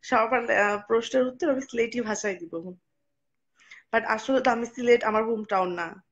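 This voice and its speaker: A woman's voice: on the high side, normal speed, dull audio. A young woman, hosting a casual live stream and answering viewer comments with lots of hesitations. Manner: chatty, reads out names and answers comments with frequent hesitations.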